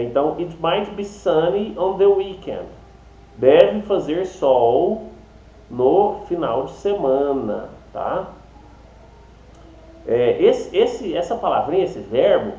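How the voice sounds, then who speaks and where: A man's voice: fairly high pitch, mellow. A man with a Brazilian accent teaching an English class, explaining step by step and checking in with "né?" and "tá?" after almost every phrase. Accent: Brazilian Portuguese. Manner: chatty, explains step by step, adds "né?" and "tá?" often. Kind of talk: online class lecture. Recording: slightly dull, echoey room.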